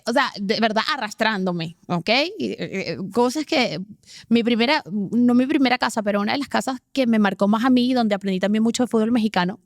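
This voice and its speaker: A woman in her forties from Venezuela, telling her life story as an interview guest with lively, emphatic bursts. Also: medium pitch, no room sound, studio quality. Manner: animated, emphatic, talks in quick bursts. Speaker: interview guest, sports presenter.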